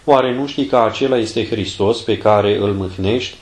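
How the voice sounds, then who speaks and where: A man's voice: on the low side, reverberant, natural voice. A man reading as a stern, fatherly abbot. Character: older male abbot, stern yet fatherly.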